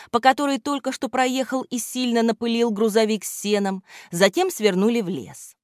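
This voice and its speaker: A woman narrates a children's storybook with lively, expressive reading. Her pitch moves a lot, and the recording is dry and close to the mic. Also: no echo.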